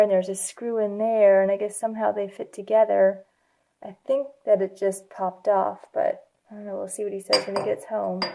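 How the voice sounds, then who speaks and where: A woman's voice: medium pitch, vocal fry, mellow, slight background noise. A woman in her thirties chatting casually to the camera at home, rambling and thinking aloud with many restarts. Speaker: vlogger. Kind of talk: casual home vlog chat. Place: family house indoors.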